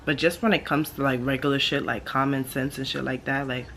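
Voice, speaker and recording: A woman's voice: rumbling low, a little fast. A woman in her late twenties talking casually in a laid-back stoner ramble, slangy and blunt, swearing freely as she thinks aloud. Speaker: vlogger. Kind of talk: casual rambling monologue to camera. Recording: steady background ambient noise.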